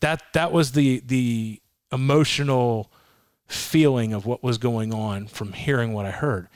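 A man's voice: medium pitch, unhurried, dry recording, studio quality. A man in his forties, a ministry leader, tells his personal testimony in an earnest, rambling way, recorded at a home. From Massachusetts, raised in Florida. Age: 40s. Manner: earnest storytelling with restarts and self-quotes.

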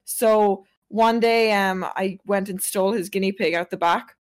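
A woman talks casually on a stream, rambling through a story. She leans on "like" constantly and restarts her sentences. Her voice sits at a middling pitch. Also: steady tone, a little slow. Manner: rambling, heavy use of "like".

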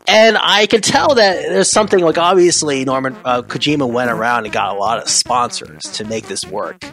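A man chatting casually on a gaming podcast, animated and rambling, laughing often. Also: medium pitch, normal speed.

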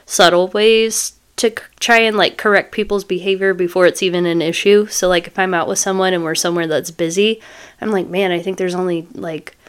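Smooth low-voiced woman podcaster. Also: steady tone, a little fast. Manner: chatty, thoughtful, often says "like". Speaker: podcast co-host. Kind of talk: casual podcast chat.

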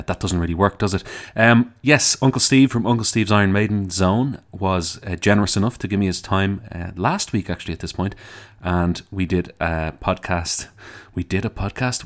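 Deep-voiced Dublin man hosting a podcast. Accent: Dublin Irish. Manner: rambling, digressive, jokey. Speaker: podcast host. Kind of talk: casual solo podcast intro.

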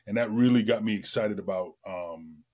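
Husky-voiced middle-aged man telling stories. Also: lowish voice, moderate pace. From Trinidad and Tobago. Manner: lively storyteller, many fillers. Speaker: guest entertainer. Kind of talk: casual interview chat.

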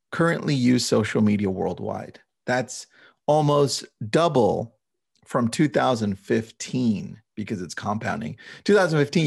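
A male podcast co-host talks in a casual, emphatic way. His mid-pitched voice has a noticeable creak and gravel to it. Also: darkish tone. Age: 30s or older.

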